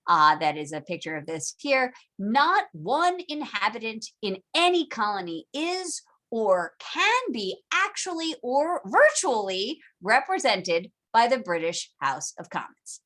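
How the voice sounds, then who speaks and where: Lively, casual woman lecturer. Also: fairly high pitch, a little slow, hardly any pauses. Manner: casual and irreverent, acts out historical figures in slangy voices. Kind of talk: recorded curriculum lecture.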